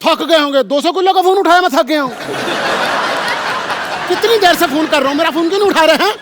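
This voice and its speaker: A man's voice: extremely high pitch, fast talker, a loud crowd. A man playing an irate, threatening businessman in a live stage comedy sketch, blustering and mocking. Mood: irritated. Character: irate, threatening businessman demanding his money. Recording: noisy stage with audience.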